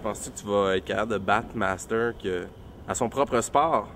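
A man with a Quebec French accent asking questions as an interviewer, hesitant and filling pauses with euh. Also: fairly low pitch, a bit bright, slight background noise.

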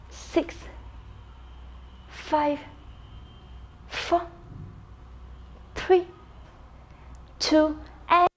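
High-pitched young woman leading a workout. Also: a little mellow. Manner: encouraging, directive, calling out counts and cues. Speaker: pilates instructor. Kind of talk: guided workout instruction with counting. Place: bright room at home with wooden floor, indoors.

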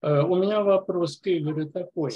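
A man in an online meeting asking a polite, measured question. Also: high voice, muffled recording. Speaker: audience member asking a question. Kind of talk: asking a question on a video call.

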